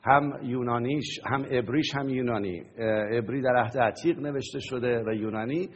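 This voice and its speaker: A man's voice: medium pitch, lo-fi sound. A man preaching a sermon to a congregation, teaching and often asking them questions. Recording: long hall reverb.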